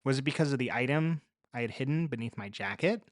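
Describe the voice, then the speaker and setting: A man narrating a story in the first person with a measured, even read. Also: medium pitch, dry recording, studio quality.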